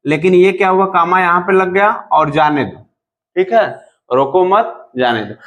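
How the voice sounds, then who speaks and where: A man with a fairly high voice gives a grammar lesson in a patient classroom manner. He keeps asking the students questions and answering them himself, calling them "beta", and slows to a measured recitation whenever he reads lines of verse. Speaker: Hindi grammar teacher.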